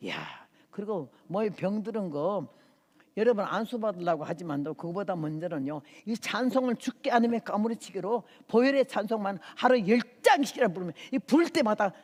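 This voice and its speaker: A woman in her eighties, a missionary giving an impassioned testimony sermon in a church, swinging from hushed tones to loud outbursts. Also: mid-range voice. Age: 80s. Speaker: missionary preacher. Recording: long reverb of a church hall.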